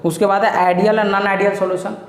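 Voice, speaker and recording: A man teaching a chemistry exam syllabus lesson, saying "ठीक है" after each point and reading English topic titles out slowly. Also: high voice, level tone, reverberant, big-room sound.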